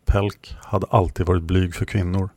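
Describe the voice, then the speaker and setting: A man reading a fantasy novel aloud in a measured, somber narrating voice. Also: low-pitched, little pitch movement, a little mellow, no echo. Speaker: audiobook narrator. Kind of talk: scripted narration.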